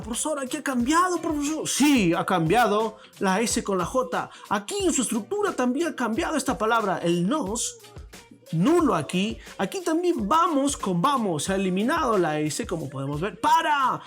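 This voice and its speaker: A man's voice: high voice, fairly bright tone. A man teaching a lesson, asking questions and answering them himself. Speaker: language teacher. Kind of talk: classroom lesson on linguistics.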